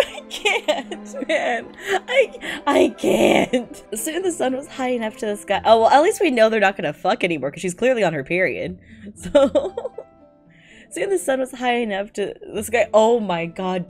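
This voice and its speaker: Over quiet music, this streamer reads fan fiction in a fairly high voice with big swings in pitch, going a little slowly. She's young, English isn't her first language, and her running commentary is slangy, profane, giggly and fed up.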